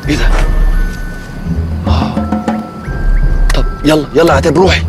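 A man's voice: on the high side, moderate pace, lightly acted. A man playing a bossy, jumpy castaway. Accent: Egyptian Arabic. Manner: bossy, excitable comic scolding. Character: bossy, jumpy stranded man who nags friends. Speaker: castaway leading a group. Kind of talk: TV sitcom acting. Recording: music score underneath.

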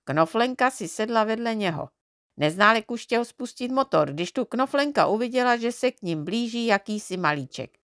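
A woman reading a children's storybook aloud in an expressive, measured way. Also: fairly high pitch, no echo, studio quality. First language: Czech. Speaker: audiobook reader.

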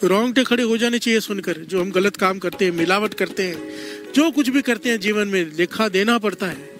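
A man preaching a devotional storytelling sermon, slow and deliberate, who keeps calling on the congregation to answer him. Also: high voice, a bit bright, soft background music. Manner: call-and-response preaching, leads the congregation in responses.

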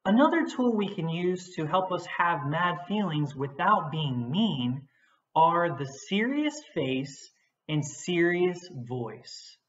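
A woman teacher giving a patient, gentle lesson on feelings for young children. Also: fairly low pitch, very animated, takes it slowly. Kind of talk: children's social-emotional lesson. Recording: echoey, dull recording.

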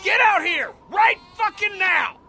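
An actor playing a furious, threatening middle-aged survivor in a video game, barking aggressively. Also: male voice, extremely high pitch, animated, measured pace, vocal fry, sharp tone, shouting, a faint crowd, exaggerated voice. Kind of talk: dramatic video game acting.

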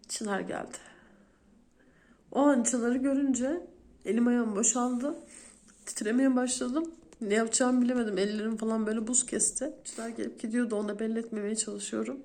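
A woman's voice: on the high side, darkish tone. Thirty-something woman retelling a frightening day. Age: 30s. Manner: addresses viewers directly, retelling a frightening day. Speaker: vlogger. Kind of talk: emotional storytelling to viewers.

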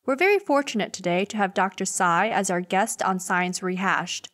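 A woman co-hosting a science podcast, reading a scripted introduction in a clear, read-aloud way. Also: mid-range voice, animated, normal speed, fairly bright tone. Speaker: podcast co-host.

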